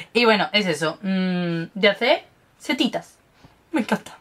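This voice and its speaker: A young woman chats at home in a casual unboxing vlog. Her voice sits at an ordinary middle pitch, and she gushes happily over everything she opens, piling on diminutives. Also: animated, slow, a bit bright. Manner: chatty, gushing over cute snacks, lots of diminutives. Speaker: beauty and snack vlogger.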